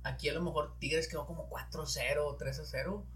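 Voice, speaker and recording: A man's voice: a little high, brisk. A young man with a northern Mexican accent from Monterrey, telling stories in a casual chat and swearing freely. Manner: slangy, swears freely, excitable storytelling.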